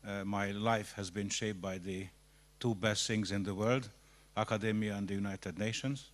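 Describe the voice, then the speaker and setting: Low-voiced older man. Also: fairly even intonation, moderate pace. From Hungary. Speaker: panel member. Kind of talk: formal self-introduction at a ministerial meeting.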